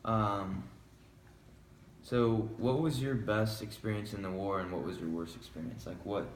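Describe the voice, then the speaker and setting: A man's voice: lowish voice, fairly even intonation, measured pace. A young American man interviewing someone informally, with casual, tentative phrasing. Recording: echoey room, faint background noise.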